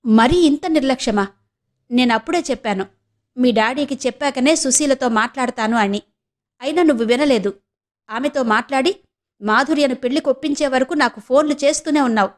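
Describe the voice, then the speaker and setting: A woman voicing a stern, proud middle-aged mother who scolds her son with sharp questions. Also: sits high, brisk, close to an everyday voice. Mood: scolding.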